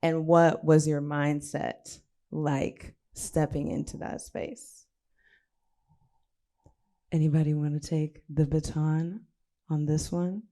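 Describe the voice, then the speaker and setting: A woman's voice: low voice, level tone, mellow. A woman moderating a live panel at an event, talking casually and upbeat with a handheld mic. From Los Angeles. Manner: casual, upbeat, quick asides. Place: event venue. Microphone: handheld mic passed around.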